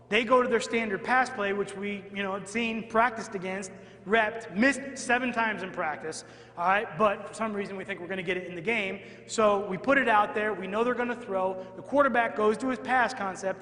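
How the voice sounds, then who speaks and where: A man, a football coach, giving an energetic clinic talk to an audience and often asking "all right?" as he goes. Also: sits high. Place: large hall at a clinic. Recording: echoey hall, long reverb.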